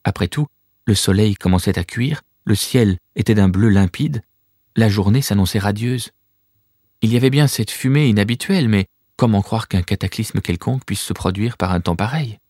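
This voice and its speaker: A man narrating an audiobook in a measured, vivid storytelling manner. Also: fairly low pitch, a little mellow, dry recording, clean studio sound.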